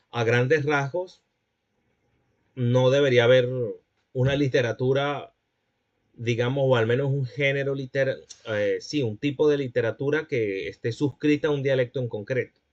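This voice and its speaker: A man's voice: medium pitch, lo-fi sound. A man giving a classroom lecture, explaining points and checking that students follow.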